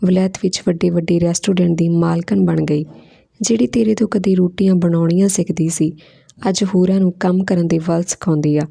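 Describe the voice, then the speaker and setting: A woman voicing an affectionate young mother who talks earnestly, with a gravelly, mellow voice. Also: on the low side, steady tone, brisk.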